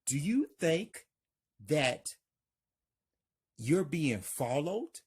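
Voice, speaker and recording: A concerned neighbor woman asks careful questions and tries to calm a friend, as a woman reader plays her. The voice is pitched well above the reader's usual and slightly husky. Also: very slow, exaggerated voice.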